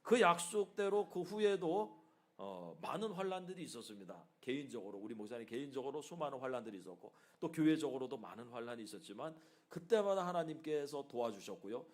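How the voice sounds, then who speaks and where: A man's voice: mid-range voice, fast, hardly any pauses. Korean church pastor preaching, middle-aged guy, voice swings up and down a lot, keeps asking the congregation little questions. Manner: animated preaching, frequent rhetorical "eh?" asides. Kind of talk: sermon. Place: church sanctuary.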